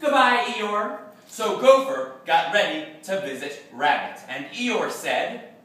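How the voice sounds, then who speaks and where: A man narrating a children's class play in an expressive, drawn-out storytelling manner. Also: a little high. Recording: echoey room, voice from far off, faint hiss.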